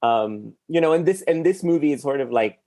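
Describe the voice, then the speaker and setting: Gravelly-voiced man hosting a film podcast. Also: a little high, expressive, fairly quick, dark tone. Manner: hesitant, thinking aloud with many fillers. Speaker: podcast host. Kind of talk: casual film discussion.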